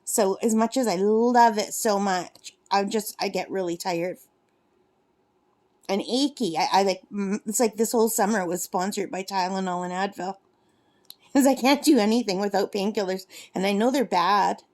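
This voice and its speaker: At normal speed, with medium pitch and a darkish tone, a woman in her fifties talks through a craft project for her vlog from a cabin at a lake. She rambles in an easygoing way and keeps correcting herself.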